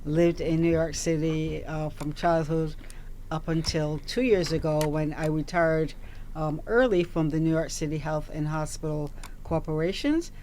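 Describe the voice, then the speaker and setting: A woman in her sixties, born in Barbados, speaking as a hospital operations chief on a radio show in a composed, measured way. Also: deep voice, warm tone, slight background noise. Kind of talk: radio interview guest.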